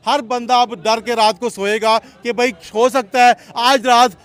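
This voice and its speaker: A man's voice: very high voice, steady tone, unhurried, a bit bright, smooth. A man with a Pakistani Urdu accent, giving an impassioned opinion full of rhetorical questions. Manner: impassioned, rhetorical questions, repeats "theek hai?". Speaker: interviewee. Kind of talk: heated street opinion.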